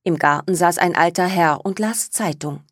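A woman with a low, husky voice reads a children's story slowly and expressively. The recording is dry and close, with no room sound. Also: no echo. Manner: slow, expressive. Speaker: narrator. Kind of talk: storybook reading.

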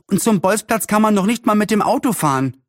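A man voicing a quiet young girl in a storybook reading, speaking eagerly. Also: high voice, lively intonation, a little fast, dry recording, clean studio sound, voice pushed up. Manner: eager, pleading.

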